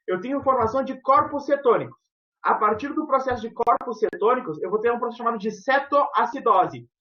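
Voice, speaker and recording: A man's voice: very high-pitched, a bit bright. A man giving an informal university lecture over a video call, explaining aloud with frequent fillers. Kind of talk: online lecture. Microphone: headset. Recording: muffled video-call audio.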